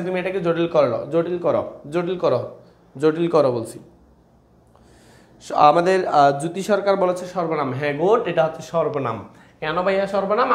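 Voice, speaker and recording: A man's voice: on the high side, roomy sound. Chatty young man teaching grammar. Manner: chatty, repeats questions, calls students brother. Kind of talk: online exam-prep class.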